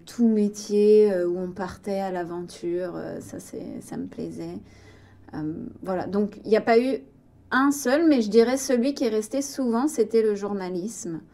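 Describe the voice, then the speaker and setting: Reflective and somewhat hesitant, a French woman from Vendée recounts personal stories as a guest in a casual interview; she directs an arts organisation. Her voice is medium-pitched and mellow.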